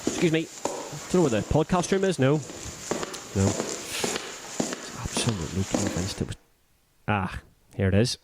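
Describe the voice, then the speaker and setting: A man hosting a school podcast in a scripted comedy sketch, with a brisk, teasing, chatty manner. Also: mid-range voice, very animated, very echoey, heavy background noise. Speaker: teacher and podcast host.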